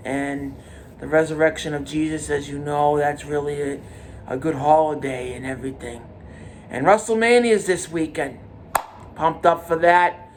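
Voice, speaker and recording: A man of forty hosting his own podcast, talking in a halting, repetitive way with many restarts and fillers. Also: fairly high pitch, slight background noise. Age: 40s. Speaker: podcast host. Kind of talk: casual monologue.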